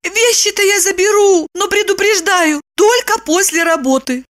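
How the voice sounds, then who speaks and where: A woman reader voicing Lipochka, a flustered, hungover young woman who speaks in squeaky exclamations. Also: moderate pace, a bit bright, dry recording, studio quality. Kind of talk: audiobook character voice.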